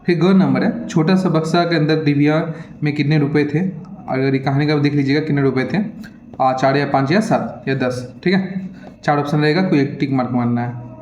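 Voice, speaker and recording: Guy teacher rushing through exam answers, slightly high voice, echoey room, kinda muffled. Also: fairly even intonation, a little mellow, a little hiss or hum. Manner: repetitive, keeps checking in with "theek hai"; hurried, reads questions aloud then explains. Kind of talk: explaining an exam paper to students. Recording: echoey room, dull lo-fi sound.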